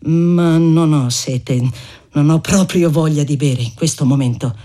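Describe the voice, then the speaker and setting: A man's voice: fairly high pitch, a little slow, warm tone, close to an everyday voice. A man voicing a shaken, grateful young man who speaks earnestly and politely. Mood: polite refusal.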